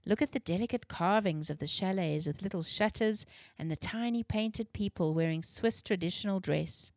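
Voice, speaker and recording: A woman voicing a warm mother in a storybook reading, in her own voice. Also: medium pitch, normal speed, no room sound, clean studio sound, natural voice. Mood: admiring.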